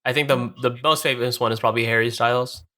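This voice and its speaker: A man's voice: mid-range voice, fairly even intonation, fast, pushed and bright. A young man co-hosting a podcast, chatting casually and bantering playfully with friends. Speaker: podcast co-host. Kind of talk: casual chat.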